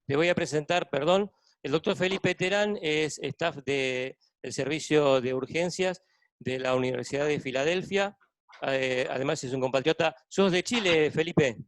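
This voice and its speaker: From a hospital intensive care unit, a cardiologist hosts a medical webinar, introducing guests via video call in a Buenos Aires Argentine accent. He speaks at a moderate pace with a fairly high pitch, and the recording is dry.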